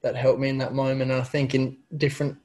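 A man's voice: medium pitch, monotone, quick pace, darkish tone. A young man telling a personal story in casual chat. He stumbles and repeats words often as he talks.

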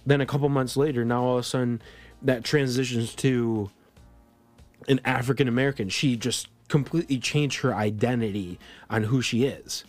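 Podcast guy from colombia, rambly, says like a lot, normal pitch. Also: steady tone, moderate pace, faint music behind. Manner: rambling, many restarts and "like" fillers. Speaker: podcast co-host. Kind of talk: casual political chat.

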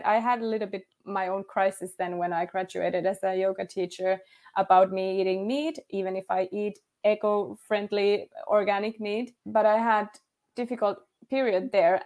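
This is a mid-range, slightly mellow female voice with a Finnish accent, belonging to a woman in her thirties. Guesting on a podcast as a yoga teacher, she keeps the interview chat casual and open, laughs frequently and leans heavily on "like."

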